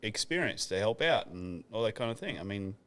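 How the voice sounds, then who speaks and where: A man's voice: on the low side, sing-song, fairly quick, fairly bright tone. A man, a radio presenter appearing as a guest, bantering and teasing his co-host about rugby. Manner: teasing, playful.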